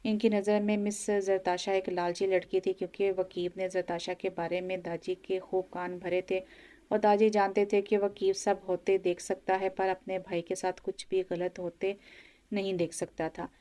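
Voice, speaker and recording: A woman narrating an audio novel in a steady, measured reading. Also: mid-range voice.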